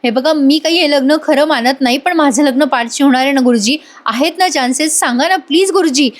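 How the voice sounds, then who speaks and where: A woman's voice: high-pitched, fairly quick, close to an everyday voice. A woman voicing a stubborn young bride who pleads and protests. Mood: pleading.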